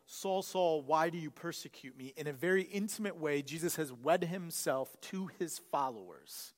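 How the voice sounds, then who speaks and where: A man preaching a sermon with a slightly high voice that carries long reverb through a church hall. He is earnest and builds to loud emphasis before dropping almost to a hush. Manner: earnest preaching that swells louder and drops to a hush. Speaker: pastor. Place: church sanctuary.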